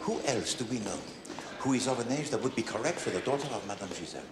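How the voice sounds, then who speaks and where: Poirot, a man playing a fastidious detective. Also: mid-range voice, expressive, noisy background, natural voice. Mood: deductive, wry. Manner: precise, formal, mannered phrasing. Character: fastidious middle-aged male detective, courteous and sly. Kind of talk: television period drama. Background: background music.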